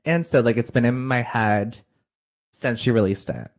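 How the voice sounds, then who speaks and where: A man's voice: medium pitch, normal speed. Chatty man telling a story on a call. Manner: chatty storyteller, many fillers and restarts. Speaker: podcast co-host. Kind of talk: casual chat.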